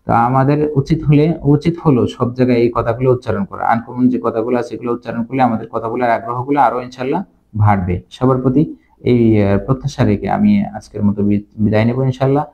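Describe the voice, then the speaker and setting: A man teaching Chinese phrases in Bengali, repeating each one slowly word by word. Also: medium pitch, lo-fi sound. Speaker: language teacher. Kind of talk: Chinese lesson explained in Bengali.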